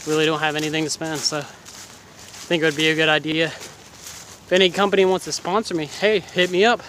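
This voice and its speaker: A man's voice: on the high side, flat delivery, normal speed, a bit bright, a little hiss or hum. A young man chatting casually to his phone camera while walking by a road, out of breath and rambling. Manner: chatty, rambling, self-deprecating. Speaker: vlogger. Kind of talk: casual vlog talk to camera. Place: outdoors by a busy road.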